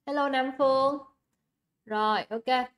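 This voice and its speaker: A woman's voice: high-pitched, fairly even intonation, takes it slowly, fairly bright tone. A young woman teacher with a Vietnamese accent, leading a livestream English exam review in a chatty, coaxing way, repeating words and checking that students keep up.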